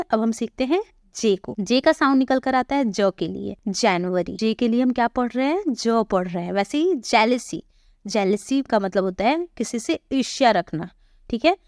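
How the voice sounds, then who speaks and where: A woman's voice: on the high side, animated, dry recording. Woman teaching pronunciation, close and dry. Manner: patient, repeats example words slowly and asks questions. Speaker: English teacher. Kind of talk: spoken English pronunciation lesson.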